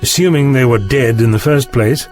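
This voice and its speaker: A man's voice: medium pitch, normal speed, darkish tone, faint music behind, natural voice. A man playing an eccentric, curious time-travelling doctor in an audio drama, polite but dismissive, with a musing theatrical delivery. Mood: intent, investigative. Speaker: lead actor in an audio drama.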